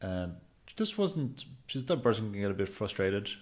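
Deep-voiced male coach telling stories. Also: fairly quick. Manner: lively storyteller, acts out quotes. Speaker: handstand coach, podcast co-host. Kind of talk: casual podcast conversation.

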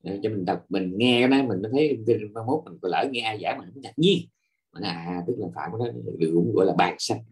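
A man's voice: on the low side, fast talker, darkish tone. A man, a Buddhist monk, giving a dharma talk to a class, lecturing with rhetorical questions and repeating filler words as he searches for the next thought.

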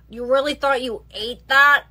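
A woman's voice: sits high, bright, forceful tone, exaggerated voice. A woman voicing a cranky, stubborn elderly woman in a nursing home, whining and drawling in a comedy skit. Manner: cranky, whiny, slow drawl.

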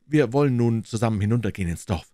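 A man voicing a stern young male police inspector who questions with sharp demands, in a storybook reading. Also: on the low side, lively intonation, fast talker, no room sound, pitched above the performer's own voice, natural voice. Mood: curt.

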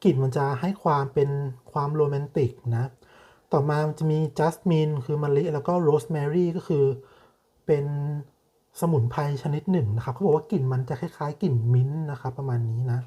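A man hosting his own channel, giving a casual, polite perfume review with slow, hesitant delivery and many drawn-out filler sounds. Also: on the high side, mellow.

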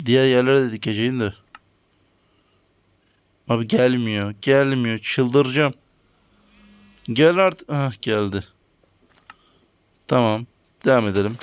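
Playing his own game, a gaming channel host keeps up easygoing let's-play commentary for his audience and complains about the lag. The voice is medium in pitch and smooth, and the recording is dry.

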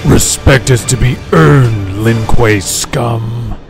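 A man's voice: mid-range voice, takes it slowly, creaky, music in the background. A man voicing a menacing, disembodied undead ninja with an unearthly growl in a video game story. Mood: menacing scorn.

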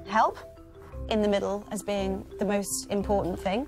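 A woman explains a design project in a friendly, explanatory voice at a middle pitch. Soft music runs faintly underneath her. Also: flat delivery, normal speed. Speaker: design strategist.

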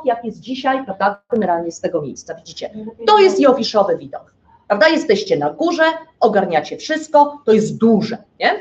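Woman lecturer, lively and expressive, keeps checking in with listeners; dull lo-fi recording. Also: on the high side. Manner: asks rhetorical questions and answers them. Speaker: astrology lecturer. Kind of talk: live lecture to an audience.

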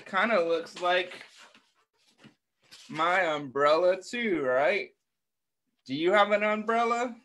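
In an interactive read-aloud on a video call from indoors, a middle-aged American story time host shares a picture book with young children. His fairly bright voice sits a little high for a man and moves very slowly, as he keeps asking the kids questions and praising them.

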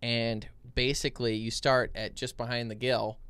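Smooth-voiced young man telling fishing stories. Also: mid-range voice, normal speed, no echo. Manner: animated, gestures with his hands while telling stories. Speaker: podcast co-host. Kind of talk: casual storytelling chat. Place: small foam-lined podcast studio. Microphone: boom mic with headphones.

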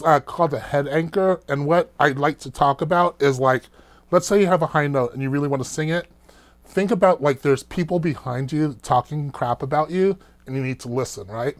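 Man vocal coach explaining techniques. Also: on the high side. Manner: explanatory, demonstrates vocal techniques with sounds and laughs. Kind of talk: reaction video commentary.

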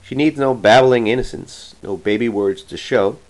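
A man reciting a comic verse poem with a slow, theatrical, rhythmic delivery. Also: mid-range voice, rough recording. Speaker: poetry reader. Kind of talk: dramatic poetry recitation.

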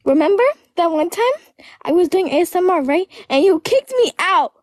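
A woman's voice: extremely high pitch, moderate pace. A woman joining a live stream by phone, teasing the host with playful questions in a giggly, mock-dramatic way. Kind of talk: casual teasing chat.

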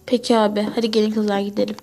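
A woman's voice: medium pitch, level tone, racing, background noise. A young woman performing every part of a homemade pony toy story, switching between chatty playful character voices.

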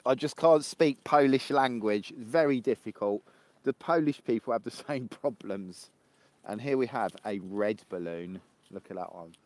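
A man's voice: medium pitch, moderate pace, darkish tone, low-quality recording. An English man in his fifties from just north of London, chatting and joking with viewers on a live stream while walking outdoors in the cold. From England. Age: 50s. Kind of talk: casual live chat with viewers.

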